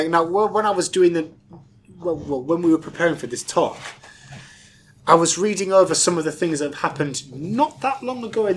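A man's voice: fairly high pitch, fairly bright tone, slight background noise. A man hosting a casual group discussion, chatty, often restarting his sentences. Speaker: discussion host.

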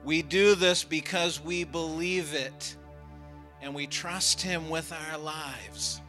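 A man's voice: fairly high pitch, fairly even intonation, slow, sharp tone, faint music behind. A man preaching a sermon and leading prayer in a church, earnest and emphatic. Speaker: pastor.

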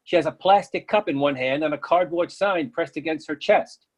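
A man's voice: on the high side, moderate pace. A man reading stage directions as scripted narration for a play.

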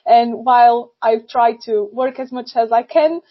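A woman's voice: fairly high pitch, steady tone, measured pace, slightly rough. Woman, podcast guest, friendly and loose, muffled lo-fi sound. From Portugal. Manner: friendly, apologetic, many fillers. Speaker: guest, tech recruiter. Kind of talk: casual podcast chat. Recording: dull lo-fi sound.

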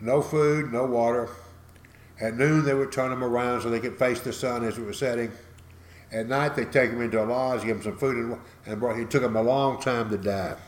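An older man with an East Texas accent gives an informal history monologue as a podcast host, folksy and wry, leaning on repetition and pauses for emphasis. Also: medium pitch, fairly even intonation. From East Texas, United States.

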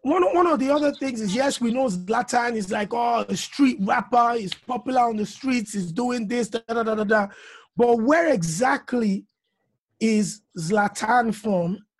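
A man hosting a podcast, asking measured, prompting interview questions. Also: very high-pitched, no room sound. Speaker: podcast host.

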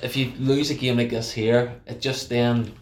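A man's voice: medium pitch, flat delivery. Man hosting, roomy echo. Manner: brisk, steers the talk and wraps up. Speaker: podcast host. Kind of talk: casual football podcast chat.

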